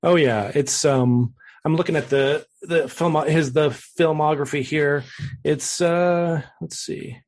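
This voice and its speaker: A man in his forties hosting a casual movie podcast, easygoing and quick to laugh. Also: a little high, steady tone, darkish tone. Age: 40s. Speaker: podcast host. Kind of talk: casual chat.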